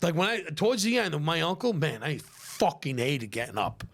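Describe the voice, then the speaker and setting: This is a middle-aged man with a strong Brooklyn accent and a voice pitched a little higher than most men's. He talks casually, as a podcast guest would. His delivery is brash and emphatic, sprinkled with swearing. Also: big pitch swings, normal speed, vocal fry, a bit bright. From Brooklyn, New York. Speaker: podcast guest, pizzeria owner.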